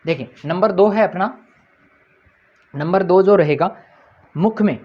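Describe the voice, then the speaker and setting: A man's voice: sits high, a little slow, dull audio. A man teaching a grammar lesson at a board. He keeps asking his own questions, answers them, and repeats each point.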